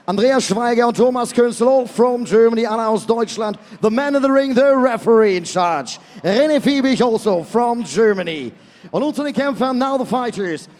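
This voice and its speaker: A man working as a boxing ring announcer, calling out the fighters with booming, drawn-out announcements over the arena sound system. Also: darkish tone. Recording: long arena reverb.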